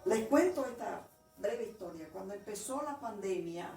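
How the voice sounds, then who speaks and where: A woman's voice: mid-range voice, lively intonation, normal speed, gravelly, a little mellow, faint music behind. A woman preacher telling a personal testimony in a sermon, emotional and restarting her words, in an echoey church room. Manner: emotional storytelling with frequent restarts. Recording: echoey room, distant mic, faint noise.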